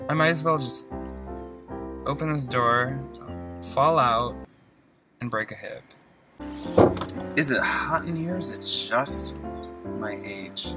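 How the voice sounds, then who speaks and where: A man's voice: mid-range voice, slow, long pauses, loud music behind the voice. A man in his twenties rambling in a goofy, mock-dramatic comic monologue from his parked car, recorded on a laptop. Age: 20s. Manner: goofy, mock-dramatic, jumps between silly voices. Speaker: vlogger. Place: parked car in a parking lot. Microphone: laptop mic.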